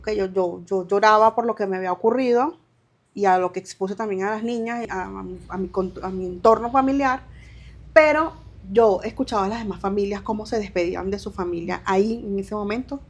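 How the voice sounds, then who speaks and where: A woman from Venezuela, in her thirties, telling her migration story as an interview guest in halting speech with restarts and quoted dialogue. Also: medium pitch. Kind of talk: emotional personal testimony.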